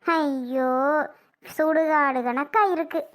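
A woman playing a nagging older mother-in-law who scolds and laments in a drawn-out village way. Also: sits high, fairly even intonation, a bit bright. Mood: lamenting. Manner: scolding, lamenting drawl with village Tamil speech. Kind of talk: family drama skit.

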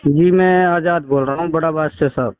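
In a slightly high voice at normal speed, a caller with a Mewati accent from Mewat, India, airs his grievance on the phone. His telling is rambling and aggrieved, with occasional swearing. The tinny, narrow-band recording carries slight background noise.

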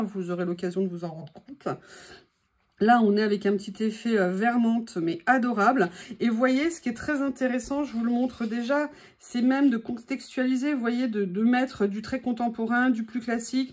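A woman's voice: fairly high pitch, a little mellow. A woman from France chatting casually through a haul of craft papers, enthusiastic and full of hesitations. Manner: enthusiastic, many fillers and hesitations. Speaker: crafting vlogger. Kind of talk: casual product haul chat.

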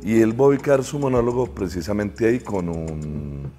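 A man, a theatre teaching artist, explaining his workshop in a measured way. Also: lowish voice. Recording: soft music underneath.

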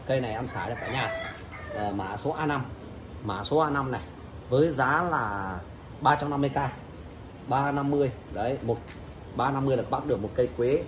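A man from Vietnam selling plants in an insistent, repetitive hard-sell style, plugging prices over and over. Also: medium pitch. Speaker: orchid seller. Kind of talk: hard-sell live sales pitch. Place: open-sided plant nursery yard. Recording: noisy outdoor phone-style video, ambient noise.

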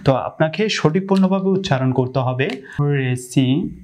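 Bangladeshi guy teaching pronunciation, pausy and slow, says each word over and over. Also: fairly high pitch, darkish tone. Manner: slow, repeats words for drilling, frequent "ah" pauses. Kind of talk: video lesson.

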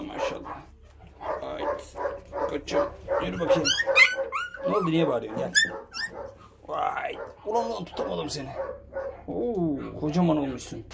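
A man filming his puppies at home, talking to them in affectionate, cooing baby talk. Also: creaky. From Turkey. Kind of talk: casual vlog narration. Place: indoors with a litter of puppies. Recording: loud background noise, dogs yapping. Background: puppies yapping and squeaking.

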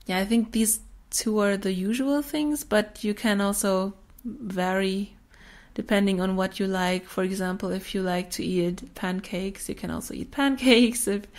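Slow, easygoing woman who laughs a lot. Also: medium pitch, darkish tone. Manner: slow, chatty, laughs often mid-sentence. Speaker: podcast host. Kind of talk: casual chat.

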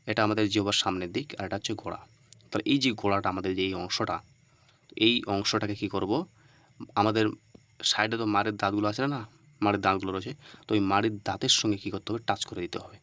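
A man teaching Arabic letter pronunciation step by step. He often asks and answers his own questions and repeats the letter sounds loudly. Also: lowish voice, no room sound.

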